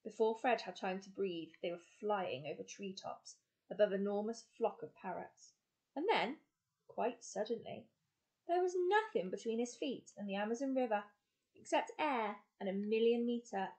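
A woman teacher narrates a children's novel in a plain storybook read-aloud. Her delivery is steady, with a few quick self-corrections. Her voice sits in an ordinary middle pitch.

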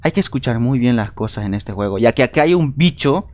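Guy streaming a horror game, mid pitch, keeps talking to chat, yells and swears when he gets spooked, bit of faint noise behind. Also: animated, a little fast. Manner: jumpy, screams and swears when scared; talks to his viewers and teammates. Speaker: gaming streamer. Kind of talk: live let's-play commentary.

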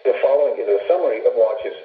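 A man's voice reading a weather broadcast in a measured, even way, heard through a tinny AM radio receiver. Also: medium pitch, background noise. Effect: tinny AM radio receiver sound. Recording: tinny radio speaker in an echoey room, from far off.

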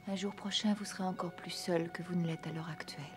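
An actress playing a soft-spoken, wistful young woman in a French film dub, with a breathy, hushed voice. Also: medium pitch, fairly even intonation, moderate pace, over music, lightly acted. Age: young adult.

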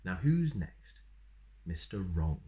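Male reader as earnest, chirpy little storybook miss, animated delivery. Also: deep voice, slow pace, exaggerated voice. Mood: breezy.

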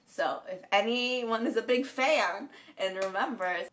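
A woman's voice: fairly high pitch, unhurried, a bit bright. Chatty young woman in a morning voice. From Minnesota. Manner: chatty, rambling, giggly. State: morning voice, just woke. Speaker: vlogger. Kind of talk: casual chat to camera. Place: at home, indoors. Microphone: camera on a stand.

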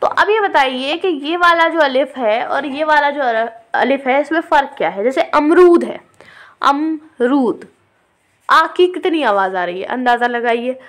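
A woman teaching an online language lesson, patiently repeating words slowly and clearly for her learners and mixing in English words. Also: high-pitched, animated, a bit bright. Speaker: Urdu teacher.

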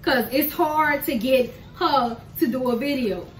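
A woman's voice: high voice, measured pace. Bubbly New Orleans woman hosting. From New Orleans, USA. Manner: bubbly, laughs often, loose slangy talk. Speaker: host. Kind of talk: casual mukbang chat. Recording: echoey room, mic at a distance, noisy.

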